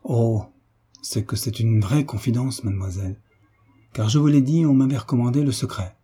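A man's voice: medium pitch, moderate pace, warm tone, slightly rough. A man voicing a joyful older sailor, a veteran uncle who speaks in hearty exclamations.

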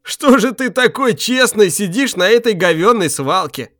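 A man's voice: high voice, animated, moderate pace, a bit bright, no room sound, studio quality, pitched above the performer's own voice. A man voicing a mocking, rude male patrol policeman who talks crudely and jeers. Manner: jeering, crude.

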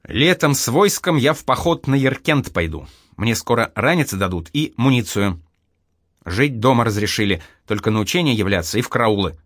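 A man voicing an impulsive teenage boy who talks with excited urgency in an audiobook reading. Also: mid-range voice, moderate pace, no echo, studio quality. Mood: eager. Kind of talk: audiobook character voice.

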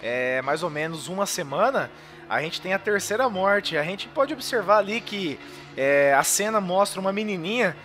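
A man's voice: high-pitched, animated, moderate pace, fairly bright tone, soft background music. A man with a Brazilian Portuguese accent, hosting a podcast and casually recapping a horror film, rambling with lots of fillers and chuckles. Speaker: podcast host.

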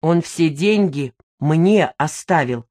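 A woman's voice: sits low, lively intonation, slow pace, a little mellow, heavily acted. A tipsy, spiteful older woman gloats and grumbles, voiced by a woman reading an audiobook. She sounds drowsy and cranky, as if she wants to be left alone to sleep. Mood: gloating. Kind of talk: audiobook character voice.

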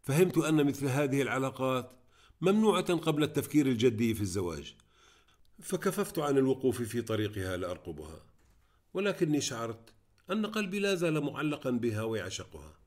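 A man's voice: medium pitch, very animated, a little fast, voice pushed up, close to an everyday voice. A man reading aloud, voicing an earnest young man who opens up about himself.

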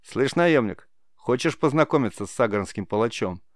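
A man voicing a gruff mocking warrior. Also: medium pitch, lively intonation, normal speed, no room sound, studio quality, lightly acted.

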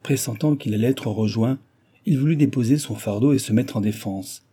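A man narrating an audiobook with a dark, mellow, slightly husky voice. He reads in a measured, literary storytelling manner. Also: medium pitch. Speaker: audiobook reader. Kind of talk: scripted narration.

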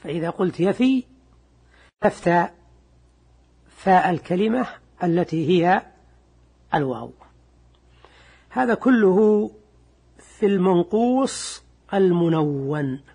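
An older man teaching a classical Arabic grammar lesson with a husky voice, measured and repeating key words, reading quoted text slowly. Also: sits high, expressive, a little mellow.

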